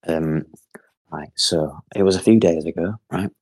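Young lad, podcast co-host, deep husky voice, rambling and sweary. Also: male voice, unhurried, a little mellow, no echo. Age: young adult. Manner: rambling storyteller with lots of fillers and swearing. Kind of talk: casual chat and anecdote.

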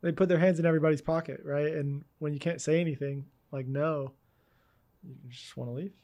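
Higher-voiced male podcast co-host. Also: steady tone, brisk, mellow. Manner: rambling, question-asking. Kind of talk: casual podcast chat.

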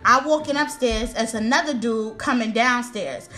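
A young woman, a nail technician telling a story in casual chat, animated and acting out quotes. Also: normal speed, soft background music, low-quality recording. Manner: animated, acts out quotes with big pitch jumps, laughs through lines.

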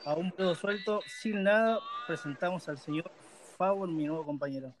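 A man's voice: sits high, normal speed, noisy background. A man hosting a casual podcast from his room, talking into a phone with laid-back, dry remarks. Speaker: podcast host. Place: his own room in Buenos Aires.

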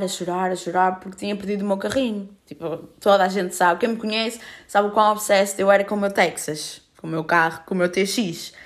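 A young woman in her twenties speaks with a European Portuguese accent. She talks fast and informally, packing her story with fillers and frequent swearing. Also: mid-range voice. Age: 20s. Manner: rapid, filler-heavy, swears freely. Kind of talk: casual personal storytelling.

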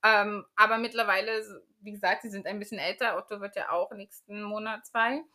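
A woman's voice: medium pitch, steady tone, fairly quick, bright, forceful tone. A woman in her thirties, a mother of three, co-hosting a casual chat podcast and talking in a chatty, agreeable way with fillers. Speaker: podcast co-host.

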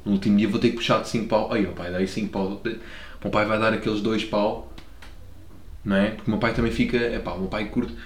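A man's voice: fairly low pitch, steady tone, fast talker, echoey room. A young man from Lisbon with a Lisbon Portuguese accent, chatting on his own podcast in a rambling, slangy, self-deprecating way and swearing freely. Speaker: podcast host. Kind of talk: casual solo podcast monologue. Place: room at home by a window.

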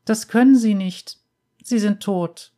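A man voicing a little girl who is sweet but menacing, in a high, childlike voice. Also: takes it slowly. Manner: bright childlike voice, turning shrill when angry.

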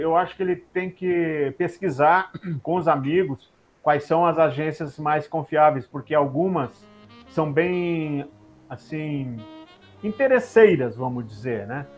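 A middle-aged man, a former airline pilot telling stories in a relaxed interview, using many tag questions. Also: a little high, a little slow, soft background music. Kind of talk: casual interview chat.

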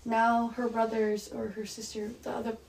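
Woman explaining, slightly high voice. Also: level tone, normal speed, gravelly, a little mellow, poor audio. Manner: explains matter-of-factly. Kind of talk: casual chat.

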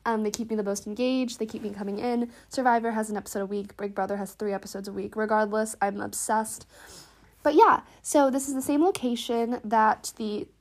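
Stuffy, slightly wheezy higher-voiced woman podcasting. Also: steady tone, fairly quick. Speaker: podcast host. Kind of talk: casual solo podcast chat.

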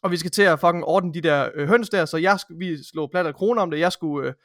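A man's voice: on the high side, a bit bright, no echo, clean studio sound. A man co-hosting a casual podcast, telling a story in a matter-of-fact way. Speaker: podcast co-host. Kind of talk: casual chat.

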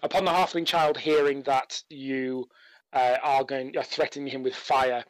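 Game master, casual descriptive narration, dry close mic, mid pitch. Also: steady tone, normal speed, no room sound, poor audio. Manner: descriptive, loose, with fillers.

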